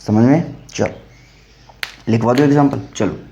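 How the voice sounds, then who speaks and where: A man teaches an English grammar lesson, patiently taking it step by step and checking again and again that his students have understood. His voice is mellow and low-pitched. The recording sounds dull and lo-fi. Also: a little slow, vocal fry, slight background noise. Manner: explains step by step, asks "samajh mein aaya?"; calls students "beta", repeats "theek hai".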